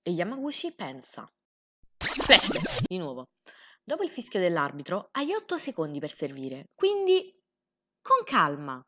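Bright, excitable young woman. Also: on the low side, unhurried. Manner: excitable, sarcastic, swears freely. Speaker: anime recap host. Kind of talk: comedic episode recap.

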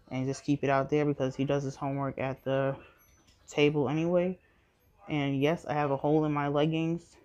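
Low-voiced chatty mom vlogger. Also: female voice, a little mellow, lo-fi sound. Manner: chatty, rambling with fillers. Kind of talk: casual chatty vlog. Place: home apartment kitchen and living room. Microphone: phone camera held close or propped.

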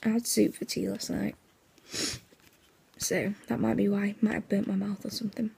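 Hoarse, half-whispering young woman. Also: mid-range voice, level tone, moderate pace, mellow. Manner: rambling, chatty, with many fillers. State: hoarse, voice nearly gone; sleepy, yawning. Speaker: vlogger. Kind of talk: casual vlog chat.

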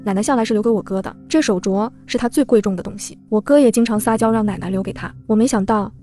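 A woman narrating a first-person folk horror story in a brisk, dramatic way. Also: medium pitch, dark tone, soft background music.

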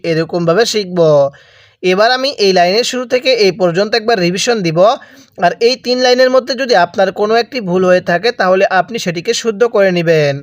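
A man's voice: high-pitched, fairly quick, dry recording, studio quality. A man teaching Quran reading with a Bangladeshi Bengali accent, patiently drilling letter sounds syllable by syllable for listeners to repeat after him. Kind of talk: slow call-and-repeat recitation lesson.

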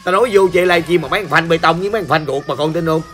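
High, bright-voiced hoarse Southern Vietnamese man. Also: rapid-fire. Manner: playful, joking, talks straight to viewers. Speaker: gaming channel host. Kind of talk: chatty gameplay commentary. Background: faint background music.

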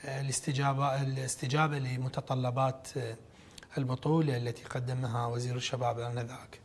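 Measured middle-aged Iraqi man, halting. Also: mid-range voice, flat delivery, a little hiss or hum. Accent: Iraqi Arabic. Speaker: interview guest, official. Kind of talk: formal television interview. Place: large indoor lobby, seated interview. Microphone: lapel microphone.

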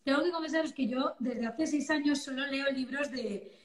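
Her voice sits high and moves at a normal speed as this woman in her thirties from Valencia, Spain, chats casually in her Spanish accent, full of exclamations. She's an interview guest on a phone video call, relaxing on her living-room sofa at home with the phone held at arm's length. A roomy echo colors the live stream.

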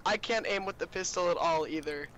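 A young man hosting a casual gaming session, chatting excitedly with a friend and repeating himself when reacting. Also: high voice, brisk, crowd noise, low-quality recording. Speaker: gamer and channel host.

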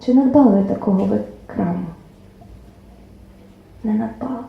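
Woman poet reading her poems at a launch, gravelly low-toned voice, endings fade to a whisper, big echoey hall. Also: normal speed, phone-quality sound. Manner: expressive recitation, lines trailing off softly, nearly whispered. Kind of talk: poetry reading at a book presentation. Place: club event hall. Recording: very echoey hall, faint room noise.

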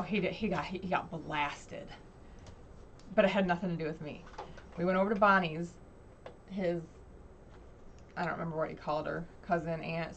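A woman tells a rambling story in a blunt, profane way. Her voice sits low and gravelly. The recording is dull and lo-fi, with a faint hiss of noise behind her. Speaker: host responding to a podcast clip. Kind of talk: casual storytelling reaction.

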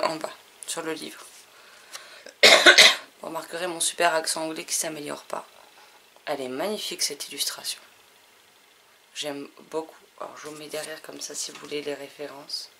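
A woman's voice: low voice, gravelly, bright, forceful tone, a little hiss or hum. A woman from France chatting casually to camera as she unboxes advent calendar gifts, enthusiastic and often trailing off with fillers.

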